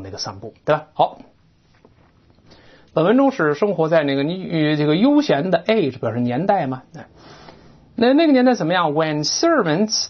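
An English teacher a burr on word endings. They give a lecture on textbook vocabulary, explaining step by step and putting questions to the class. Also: medium pitch. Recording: dull lo-fi recording.

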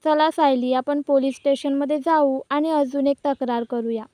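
A woman voicing a confident male lawyer who speaks firmly, in her own high voice. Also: fairly even intonation, moderate pace, dark tone, no room sound, lightly acted.

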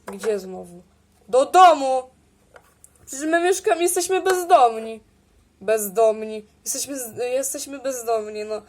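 A woman with a high voice improvises a toy role-play, playing several squabbling characters. She talks at an unhurried pace and jumps playfully from one voice to the next. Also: lively intonation. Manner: playful, bickering, switches between character voices. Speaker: toy video creator.

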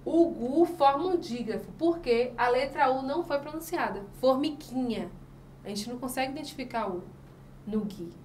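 A Brazilian woman teaches a children's review lesson in a high, bright voice. She sounds out example words slowly and answers the questions she asks. She is some way from the mic in an echoey room, with faint background noise. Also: lively intonation, far from the mic. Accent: Brazilian Portuguese. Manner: slow, emphatic spelling out of example words.

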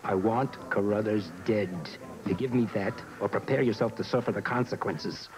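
Soap villain on the phone, played by a man: cold, commanding, low-voiced, unhurried threats. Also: background noise, natural voice. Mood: menacing. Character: menacing male crime boss on the phone.

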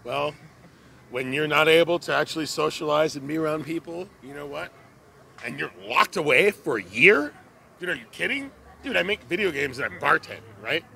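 A man's voice: a little high, animated, normal speed, creaky, sharp tone, slight background noise. A man in his thirties answering a street interviewer outdoors, talking emphatically and exclaiming into a handheld mic. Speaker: passerby interviewee. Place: outdoor city street with cafes.

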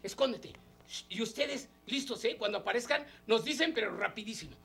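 A woman with a Mexican Spanish accent performing a children's puppet show, playful and animated as she quizzes and coaxes a young audience. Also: on the high side, fairly quick.

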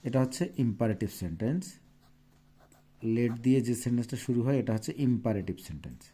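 A man's voice: medium pitch, expressive, fast talker, dark tone, slightly rough. Male tutor spelling words letter by letter. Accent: Bangladeshi Bengali. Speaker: teacher. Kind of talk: classroom lesson.

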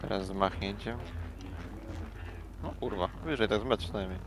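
A man's voice: lowish voice, moderate pace, background noise. A man chatting casually with a friend while they play, swearing offhandedly and thinking aloud. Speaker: co-op gaming partner. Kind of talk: casual gaming chat.

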